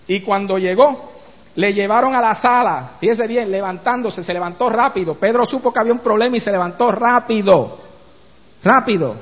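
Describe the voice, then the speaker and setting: A man with a high voice preaches a sermon as a pastor, blunt and fond of rhetorical questions and mimicked complaints. His words ring out in a hall with a long, lingering reverb. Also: moderate pace, a bit bright. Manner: blunt, self-described as rough in speech.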